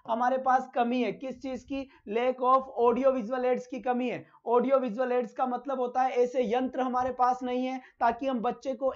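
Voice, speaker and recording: A man's voice: extremely high pitch, darkish tone, muffled recording. A male teacher giving a live online lesson, who asks his own questions, answers them himself, and calls his students "beta".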